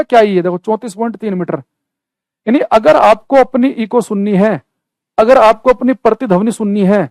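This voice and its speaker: High-voiced male physics teacher, dry sound. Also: a little mellow, no echo, rough recording. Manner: explains step by step, asks the class questions. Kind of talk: classroom physics lecture.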